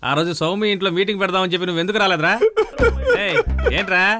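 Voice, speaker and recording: A brash mocking drinking buddy. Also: male voice, high voice, fairly even intonation, very fast, bright, forceful tone. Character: brash tipsy friend, loud joker. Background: film score music.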